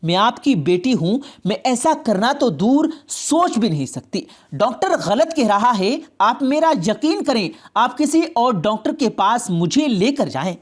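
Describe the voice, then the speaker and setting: Woman doing a young girl in a story, crying and begging, highish voice. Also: very animated, hardly any pauses. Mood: pleading. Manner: pleading, tearful. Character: young unmarried daughter, pleading and desperate.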